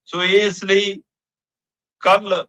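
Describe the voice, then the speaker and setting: A man's voice: sits high, flat delivery, extremely slow, pushed and bright, muffled recording. A man giving emphatic political analysis on a talk show, pressing pointed questions.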